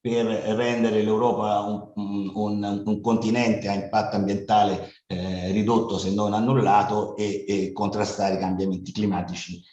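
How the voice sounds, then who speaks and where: A man giving a conference talk haltingly, searching for his words. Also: lowish voice, little pitch movement, warm tone. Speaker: conference speaker. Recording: dull, echoey room sound.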